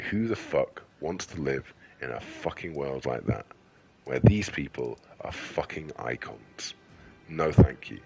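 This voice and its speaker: A man's voice: extremely low pitch, rough recording. A tired man ranting in casual commentary over gameplay, rambling and swearing heavily with lots of fillers. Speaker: gaming video creator.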